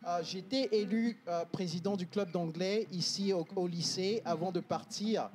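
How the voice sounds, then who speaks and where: A man's voice: sits high, moderate pace. A man, an English coach explaining confidently on a talk show, with many hesitations. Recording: TV studio with music playing behind.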